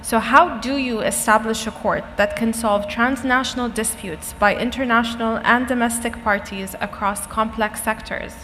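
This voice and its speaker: A woman delivering a formal, scripted podium speech as a keynote speaker in a measured way. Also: a little high, fairly even intonation, fairly bright tone. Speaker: court official, guest keynote speaker. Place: conference hall stage at an expo. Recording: echoey hall with clear background noise.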